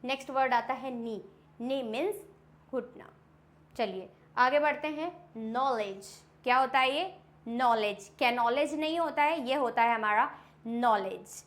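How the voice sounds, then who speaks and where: A young woman teaching a lesson, repeating example words clearly and often checking that the class has understood. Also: high-pitched, a bit bright. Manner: checks understanding with frequent quick questions. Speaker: English teacher. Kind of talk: classroom-style lesson explaining silent letters.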